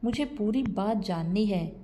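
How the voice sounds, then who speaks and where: A woman's voice: medium pitch, measured pace, mellow, slight background noise, natural voice. A woman voicing an angry young husband who confronts his wife and mocks her, in a storybook reading. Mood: confronting. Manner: accusing, mocking.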